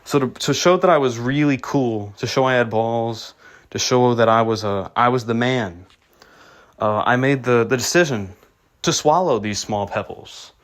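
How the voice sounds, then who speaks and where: A man's voice: medium pitch, normal speed. Nasal young man rambling through stories. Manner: rambling, self-mocking, many restarts and fillers. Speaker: vlogger. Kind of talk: casual storytelling rant.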